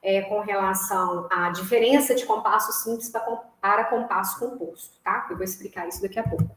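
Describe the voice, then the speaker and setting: A woman's voice: mid-range voice, a little fast, a bit bright, echoey room, poor audio. A woman music teacher with a Brazilian Portuguese accent, explaining a lesson patiently and checking in with short tag questions, sometimes chanting rhythm syllables. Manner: explanatory, tags phrases with "né?" and "tá?".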